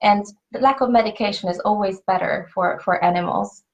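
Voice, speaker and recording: A woman's voice: medium pitch, a little fast, poor audio. A woman with a Hungarian accent, a native Hungarian speaker, explains her family pet supplement business to camera in an earnest, conversational way, often repeating words as she searches for them.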